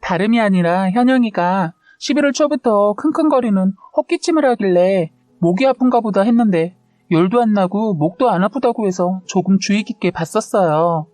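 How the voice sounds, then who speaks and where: A woman's voice: mid-range voice, dark tone, dry recording, close to an everyday voice. A woman voicing a careful, polite daycare teacher in an audio story, read on a dry close mic.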